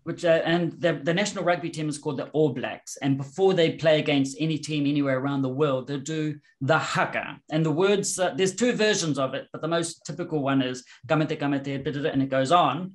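A man in his forties with a softened New Zealand accent chats casually as a guest on a video call through a headset. He explains things animatedly in a fairly high voice, talking fairly quickly with few pauses.

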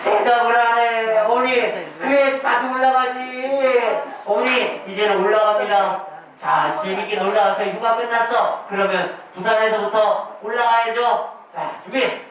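High-voiced man chanting game calls in an echoey hall. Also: fairly even intonation, unhurried. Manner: rhythmic chanted call-outs, playful teasing. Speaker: senior recreation instructor. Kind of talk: leading a clapping game for older women. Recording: very echoey room, far from the mic, noisy.

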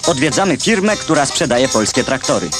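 A man's voice: mid-range voice, big pitch swings, a little fast. A man narrating an old newsreel in a scripted, wry and ironic way, with music behind him. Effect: old newsreel recording.

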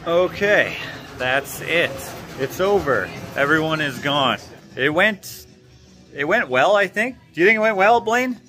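A man's voice: on the high side, animated, unhurried, music in the background. A young man vlogging casually at an art gallery show, talking upbeat into a handheld phone camera. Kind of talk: casual vlog chat. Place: busy indoor art gallery in a mall. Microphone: phone camera held at arm's length.

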